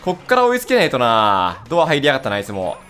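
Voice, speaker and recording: Reacting to his gameplay, a young man fires off rapid, lively commentary, his voice leaping high and low amid laughter. He jokingly scolds the screen in rough, casual language while game music plays faintly behind him.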